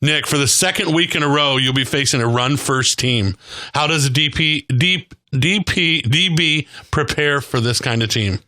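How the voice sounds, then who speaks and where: Bright, forceful man hosting sports talk. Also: a little high, normal speed. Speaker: sports show host. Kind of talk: local sports talk, interviewing players.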